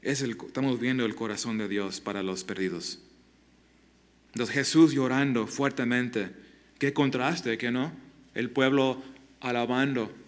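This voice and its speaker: Male pastor, mid-pitched, earnest sermon delivery, halting restarts, direct questions to congregation.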